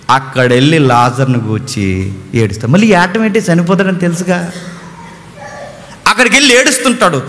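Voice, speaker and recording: A man preaching a sermon in an animated way, asking his listeners questions and answering them himself. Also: high-pitched, in a large hall.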